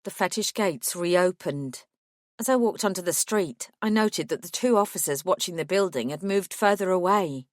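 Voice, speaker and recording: A woman narrating a first-person audiobook in a wry, measured way on a close studio mic. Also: fairly low pitch, no room sound.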